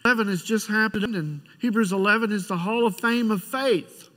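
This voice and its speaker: A middle-aged man preaching a church sermon in a conversational, pastoral way, with halting restarts as he tells stories and prays. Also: sits high, a bit bright. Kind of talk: church sermon with personal storytelling and prayer. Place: large church sanctuary. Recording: church hall with long reverb.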